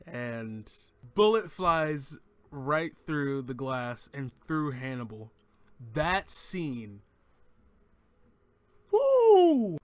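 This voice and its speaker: A man's voice: medium pitch, fairly bright tone, clear, resonant tone. A man giving a casual, enthusiastic spoken review of a TV episode, rambling and often restarting his sentences. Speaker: TV show reviewer.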